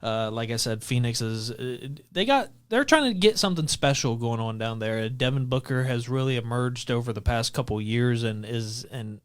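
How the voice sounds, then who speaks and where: A man with a smooth, resonant voice talks through upcoming basketball games. He goes through dates and matchups, stopping often on small fillers, in a relaxed podcast chat. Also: mid-range voice, moderate pace, few pauses. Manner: runs through game schedules with fillers. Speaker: podcast co-host. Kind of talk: casual sports chat.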